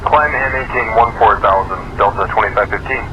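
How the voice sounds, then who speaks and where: A man's voice: on the low side, brisk, highs cut off. A man speaking as an airline pilot, giving clipped readbacks over aviation radio. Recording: noisy aircraft radio transmission.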